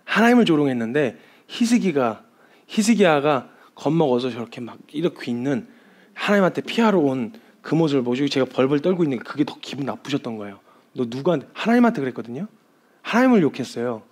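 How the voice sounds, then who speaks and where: A young man preaching a sermon as a missionary, emotional and shifting from loud pleading to hushed tones. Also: medium pitch, sing-song, fast talker.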